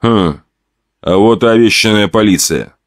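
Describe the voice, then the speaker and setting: A merciless killer speaks in a low, flat, unhurried voice, as a male narrator puts him on. Every word sounds cold and final. The sound is close and dry, with no room around it. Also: dry recording, close to an everyday voice. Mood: calm menace. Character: calm, merciless male axe murderer.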